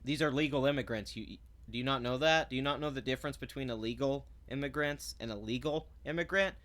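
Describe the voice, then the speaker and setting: Talking fast in a mid-range, slightly bright voice, a male commentary vlogger delivers a ranting takedown. Sarcasm, bluntness and free cursing run throughout, and heat makes him stumble and restart.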